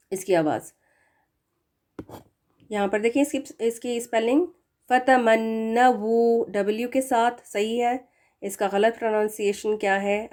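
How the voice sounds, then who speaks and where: A woman teaching Quran pronunciation, drawing out each example sound slowly and explaining common mistakes. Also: medium pitch, darkish tone. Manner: slow, drawn-out demonstration of sounds. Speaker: tajweed teacher.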